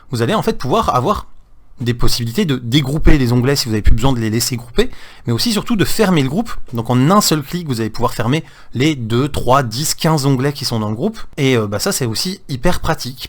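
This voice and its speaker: Casual French tech tutorial man. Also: medium pitch. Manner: casual, explanatory, frequent fillers. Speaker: tech YouTuber. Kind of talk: screen-recorded tutorial.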